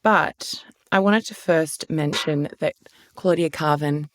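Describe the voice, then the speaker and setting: A woman with a low voice hosts a relaxed interview, chatty and encouraging with a casual swear now and then. Her voice is dry and close to the mic. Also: slow pace, dry recording. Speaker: podcast host.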